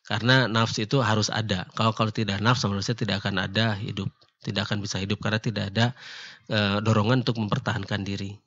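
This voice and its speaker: A man calmly explaining religious teachings in a casual radio discussion, laughing now and then. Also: lowish voice, fast. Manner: calm, explaining, laughs easily, mixes in local words. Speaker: martial arts teacher answering questions. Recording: dull lo-fi online radio sound.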